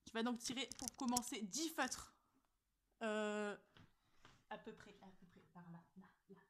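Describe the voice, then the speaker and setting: A woman's voice: mid-range voice, a little slow, slight background noise. A woman hosting a casual vlog, playful and teasing, often laughing as she talks. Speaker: video host.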